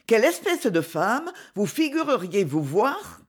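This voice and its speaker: A woman's voice: on the high side, big pitch swings, a little slow. A woman reading aloud voices an earnest, eccentric lady who speaks with fervent, pleading intensity. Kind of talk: audiobook character voice.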